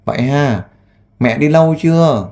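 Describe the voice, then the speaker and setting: A man who works as a volunteer interviewer. He asks gentle, coaxing questions and makes an earnest appeal with frequent fillers. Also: mid-range voice, lively intonation, unhurried. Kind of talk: on-the-spot interview and appeal to camera.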